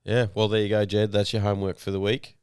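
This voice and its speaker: A man's voice: on the low side, little pitch movement, quick pace, darkish tone, clear, resonant tone, no echo, clean studio sound. A man co-hosting a podcast, chatting casually and teasing his friends with jokes. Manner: jokey, teasing. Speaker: podcast co-host. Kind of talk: casual chat.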